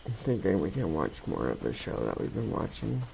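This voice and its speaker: Creaky-voiced blunt gamer chatting casually. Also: deep voice, very animated, brisk, darkish tone, slight background noise, poor audio. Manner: blunt, sweary, muttering reactions. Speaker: game player. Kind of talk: casual chat while gaming. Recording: clear game music behind.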